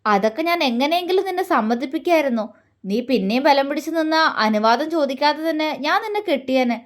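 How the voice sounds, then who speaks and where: A woman's voice: sits high, animated, fast. A woman voicing a tender, devoted young husband. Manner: soft, earnest, gently teasing.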